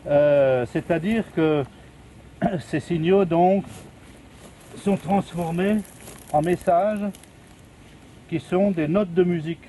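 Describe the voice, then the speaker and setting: A man's voice: a little high, slow, pauses often, warm tone, a little hiss or hum. An older man, a retired music teacher, patiently explaining a plant music demonstration outdoors in a garden.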